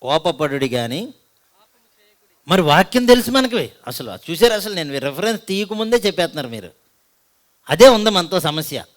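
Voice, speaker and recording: A male pastor with a Telugu accent preaching a sermon, asking the congregation questions and swinging between loud appeals and hushed asides. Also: high voice.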